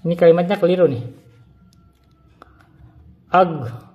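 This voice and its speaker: A man with an Indonesian accent, a native Indonesian speaker, teaching Arabic. He reads Arabic phrases slowly and then explains quickly in Indonesian. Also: sits high, narrow, tinny audio. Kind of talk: casual classroom explanation.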